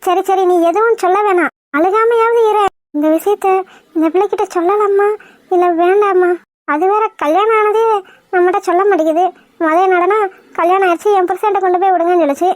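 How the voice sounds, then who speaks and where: A woman's voice: extremely high pitch, fairly even intonation, fairly quick, no room sound, clean studio sound. A woman voicing a kind, motherly housewife. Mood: wondering. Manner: soothing, coaxing. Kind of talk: cartoon voice acting.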